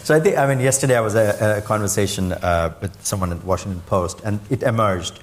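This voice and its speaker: A man's voice: on the low side, fast talker. A man from India, speaking as a panelist in a panel discussion, hesitant and restarting often. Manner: hesitant, many fillers and restarts.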